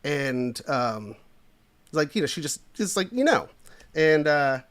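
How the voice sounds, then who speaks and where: A man's voice: a little high, big pitch swings, slow, fairly bright tone. Man, late 30s, podcast guest; casual, meandering storyteller, lots of fillers. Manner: rambling, filler-heavy storytelling.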